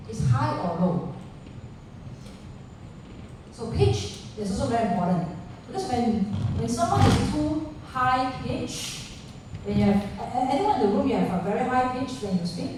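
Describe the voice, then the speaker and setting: A woman running a pitching workshop, talking live to founders and asking the audience questions, dropping local particles like lah. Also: darkish tone. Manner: interactive, asks the audience questions. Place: large indoor room with an audience. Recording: echoey room picked up from far off, faint noise.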